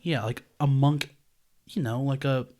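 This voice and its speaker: A man's voice: mid-range voice, fairly even intonation, measured pace, a little mellow. A man co-hosting a podcast, chatting casually through a movie commentary with jokes and lots of fillers. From United States. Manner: joking, rambling, lots of fillers. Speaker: podcast co-host. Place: indoor room.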